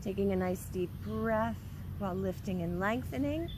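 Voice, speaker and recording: A woman giving guided yoga instruction in a careful, unhurried way. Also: mid-range voice, expressive, noisy background.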